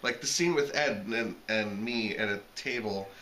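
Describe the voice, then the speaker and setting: A young man from Canada in casual, animated banter, ranting with exasperation about his own film. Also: lowish voice, normal speed, a little hiss or hum. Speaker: filmmaker in home sketches.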